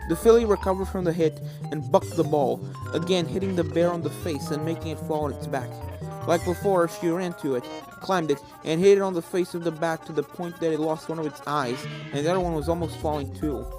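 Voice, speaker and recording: A woman with a somewhat low voice reads a scripted fan fiction story at a brisk pace. Video game music is clearly audible behind her, and the recording quality is poor.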